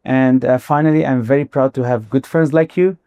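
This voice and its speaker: A man's voice: mid-range voice, steady tone, a little fast, mellow, clean tone, dry recording. A middle-aged man, a guest surgeon in a podcast interview, speaking earnestly with many fillers and restarts. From Spain.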